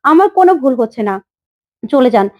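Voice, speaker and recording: A headstrong young woman from a family serial, as a woman narrator reads her lines talks back to her elders in sharp, cutting retorts. The voice sits high, and the recording sounds a little dull and lo-fi. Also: sing-song, fairly quick, no echo. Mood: defiant.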